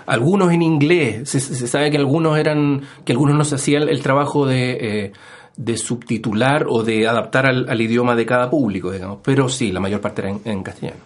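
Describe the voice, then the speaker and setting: A man's voice: medium pitch, brisk. Chilean man explaining with many fillers. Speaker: historian guest. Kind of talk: radio interview. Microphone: studio microphone.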